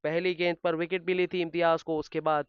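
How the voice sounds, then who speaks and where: A man giving live cricket commentary as the match commentator, getting excited on big shots. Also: on the high side, brisk, smooth, no echo, dull audio.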